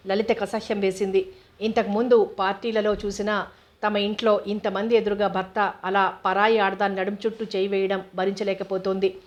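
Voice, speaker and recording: A woman narrating a novel aloud at a steady, measured pace. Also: medium pitch. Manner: steady, even reading. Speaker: audiobook narrator. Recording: dull lo-fi recording.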